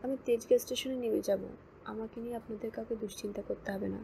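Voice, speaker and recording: A stubborn, sharp-tongued teenage girl who snaps back, as a woman reader voices her. The voice is slightly high with a gravelly texture and a dark tone. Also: fairly even intonation, fast talker, a little hiss or hum, poor audio. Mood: snappish. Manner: sharp, snappish.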